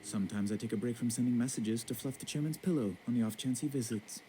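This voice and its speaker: A man's voice: medium pitch, quick pace, warm tone, a little hiss or hum, natural voice, poor audio. An actor playing a prim, smug male corporate representative in a video game, unctuous and formal.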